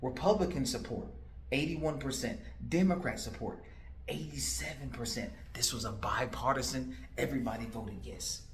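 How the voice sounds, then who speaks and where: A man's voice: mid-range voice, moderate pace, a little hiss or hum. Man, 40s, political candidate, emphatic, repeats himself, rhetorical questions, echoey room. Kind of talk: direct-to-camera political commentary. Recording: roomy echo.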